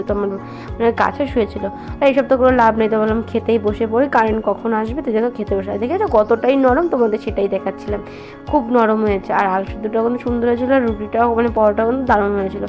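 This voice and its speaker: Young woman home vlogger, chatty and casual, slightly high voice, music bed behind. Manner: chatty, many fillers, addresses viewers as guys; speaks softly so as not to wake her baby. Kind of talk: casual home vlog narration. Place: home kitchen and bedroom, indoors.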